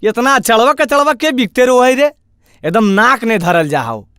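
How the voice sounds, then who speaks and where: A man's voice: extremely high pitch, sing-song, normal speed, sharp tone, smooth, no echo, clean studio sound. A man with a Magahi accent acting in a village comedy skit, scolding and exclaiming at the people around him. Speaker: comic actor and singer.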